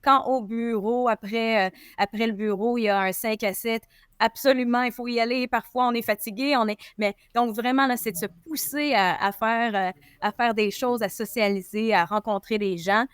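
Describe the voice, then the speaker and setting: Québécoise posée et hésitante, prise de son sèche. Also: female voice, on the high side, fairly even intonation, normal speed, clear, resonant tone, dry recording. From Quebec. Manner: thoughtful, hesitant, repeats words. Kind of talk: casual podcast conversation.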